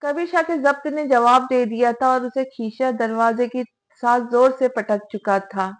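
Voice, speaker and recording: A woman reading a romance novel aloud in a steady storytelling style. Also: fairly high pitch, measured pace, low-quality recording. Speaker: audiobook narrator. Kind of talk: dramatic novel narration.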